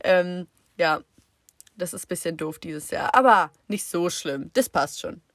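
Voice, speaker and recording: A woman's voice: fairly low pitch, animated, measured pace, dry recording, studio quality. A teenage girl hosting a podcast, chatting casually and rambling with lots of fillers. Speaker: podcast host. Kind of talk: casual sibling chat.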